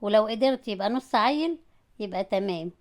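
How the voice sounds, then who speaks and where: A woman's voice: medium pitch, animated, fairly quick, natural voice. A woman voicing a tired father with an Egyptian Arabic accent, grumbling about being stuck with his kids. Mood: weary grumbling. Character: weary father stuck home with sick kids.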